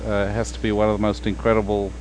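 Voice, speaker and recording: Male guest from South Africa, casual and halting, outdoor airfield recording, light background noise. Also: fairly low pitch. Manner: relaxed, hesitant, many fillers. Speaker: guest, paint scheme designer. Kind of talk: casual outdoor podcast chat. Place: outdoor airfield deck near runway.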